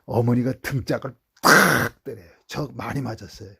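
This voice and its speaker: A male pastor preaching a sermon in a church, telling stories and swinging between hushed prayer and loud appeals. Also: medium pitch, normal speed, vocal fry, slightly rough.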